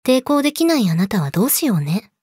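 女性が演じる独占欲の強いヤンデレ彼女、抑揚豊かな高めの声. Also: female voice, on the high side, very animated, quick pace, a little mellow, husky, dry recording, studio quality, full character voice. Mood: possessive, menacing. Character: possessive yandere girlfriend, sweet but menacing young woman. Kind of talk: Japanese situation voice audio drama, addressed to listener.

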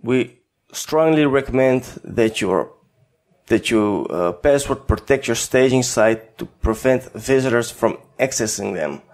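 A man from the Netherlands, Dutch-accented and a native Dutch speaker, hosts a software tutorial without a script. His medium-pitched voice has lively intonation and a measured pace, though he's hesitant and uses plenty of fillers.

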